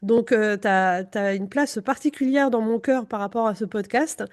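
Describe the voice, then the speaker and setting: A woman's voice: on the high side, normal speed. A woman hosting a conversational interview podcast as a career coach.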